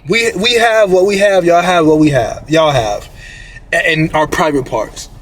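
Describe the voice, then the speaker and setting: Speaking unhurriedly in a somewhat high voice, a man co-hosts a laid-back reaction commentary. He addresses the audience head-on, spinning rambling, slang-filled stories.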